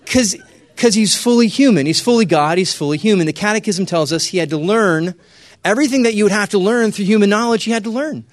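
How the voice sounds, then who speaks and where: Animated high-voiced man giving a youth talk. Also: quick pace, no room sound, clean studio sound. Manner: animated, joking, often hushing and resetting the crowd. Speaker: youth speaker. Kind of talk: lively talk to a young audience.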